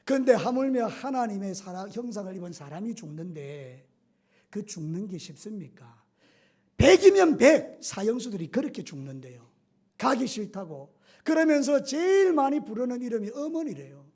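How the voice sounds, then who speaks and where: A middle-aged male pastor preaching a sermon with animated storytelling, acting out scenes and voices. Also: high voice, moderate pace.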